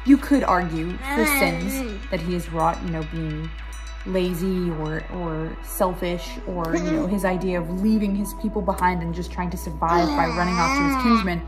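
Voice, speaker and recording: A young book club vlogger chats casually about the book she is reading in a lowish voice at a moderate pace, rambling a bit and making self-deprecating asides. She records at home in her living room on a tablet's built-in mic placed close and low, with music in the background.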